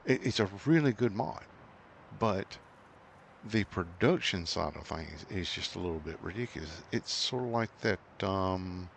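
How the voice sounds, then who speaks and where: A man's voice: low voice, gravelly, a little hiss or hum. A middle-aged man hosting a farming game video, rambling and ranting in casual commentary with lots of fillers and restarts. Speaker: gaming channel host.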